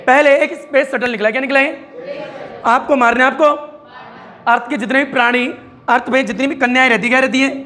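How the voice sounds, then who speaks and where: A man's voice: extremely high pitch, sharp tone. A man teaching a physics class to students, quizzing them again and again and joking as he goes. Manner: keeps quizzing students with repeated questions and jokes.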